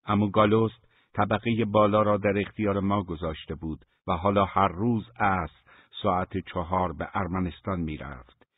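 A man reading a novel aloud as an audiobook narrator, with a measured, even storytelling delivery. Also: low-pitched, slightly rough, no echo. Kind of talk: scripted narration. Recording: thin phone-like dry recording.

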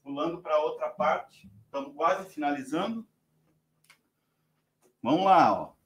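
A man's voice: on the high side, measured pace, reverberant. A Brazilian man teaching guitar, chanting strum patterns in syllables and counting beats aloud. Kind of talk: spoken guitar lesson with rhythm syllables. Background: guitar playing.

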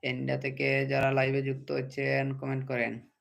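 A man hosts a casual livestream, chatting with viewers, talking straight to commenters and repeating his phrases often. His medium-pitched voice is creaky and a bit bright, delivered completely flat at a moderate pace.

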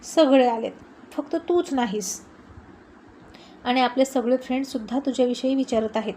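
Woman voicing a concerned, coaxing young friend; high and warm-hearted. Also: normal speed, a little hiss or hum, lightly acted. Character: affectionate young woman, loyal best friend.

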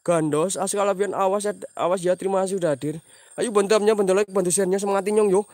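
A man's voice: sits high, steady tone, fast talker, a little mellow, dry recording. Jumpy man on a night stream. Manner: jumpy, praying aloud, reading out viewer names. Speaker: livestream host exploring at night. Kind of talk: live night ghost-hunt stream chatter.

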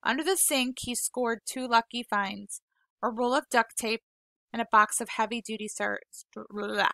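A woman teacher reading a novel aloud to her class, unhurried and gentle, apologizing now and then when she stumbles over words. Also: a little high, fairly even intonation, creaky, no echo. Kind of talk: read-aloud storytelling.

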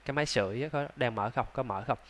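A man with a Vietnamese accent teaching English pronunciation, sounding out words slowly, repeating them and adding chatty asides. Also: mid-range voice. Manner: breaks into soft laughs and chatty asides. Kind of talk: slow, drawn-out pronunciation lesson.

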